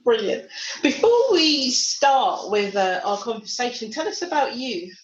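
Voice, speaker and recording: A woman hosting a podcast interview, asking brisk, friendly questions. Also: on the high side, big pitch swings. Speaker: podcast host. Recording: roomy, dull sound.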